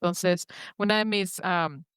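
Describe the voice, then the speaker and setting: A woman guest on a faith interview show, speaking earnestly about ministry and retelling Bible stories with lively quoted voices. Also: on the low side, unhurried, clear, resonant tone, no echo, studio quality. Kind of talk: conversational interview, faith-based.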